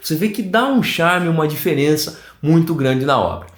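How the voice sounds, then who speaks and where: A man with a Brazilian Portuguese accent teaching an online flute lesson, explaining in an animated way and often checking in with the viewer. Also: a little high, normal speed, soft background music. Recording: roomy echoey room.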